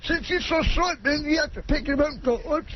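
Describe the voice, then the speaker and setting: A man's voice: very high-pitched, quick pace. A man answering as a contestant on a radio quiz. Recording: muffled lo-fi radio, faint noise.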